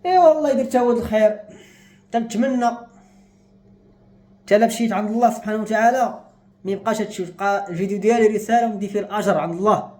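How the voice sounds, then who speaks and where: A man's voice: high-pitched, rapid-fire, long pauses, mellow. A young man with a Moroccan Arabic accent, speaking to camera in an agitated, despairing rant. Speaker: vlogger. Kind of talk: emotional monologue to camera.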